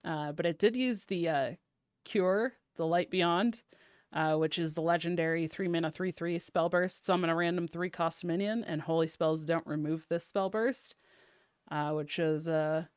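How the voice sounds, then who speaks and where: Smooth-voiced woman chatting casually. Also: on the low side, moderate pace, dry recording, studio quality. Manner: chatty, many ums and likes. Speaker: podcast guest. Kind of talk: casual card game discussion.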